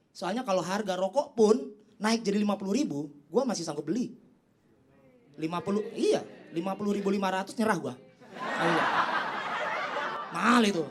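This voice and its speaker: A young man performing a stand-up comedy set on stage, teasing the crowd and leaping up in pitch for his punchlines. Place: comedy stage before a live audience. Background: audience laughter and applause.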